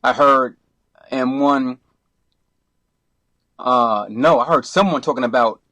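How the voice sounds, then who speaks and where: Relaxed rambling Brooklyn man. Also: medium pitch, slow pace, no echo. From Brooklyn, New York. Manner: relaxed, rambling, many restarts and you-knows. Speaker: podcast guest, filmmaker and DJ. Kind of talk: casual interview.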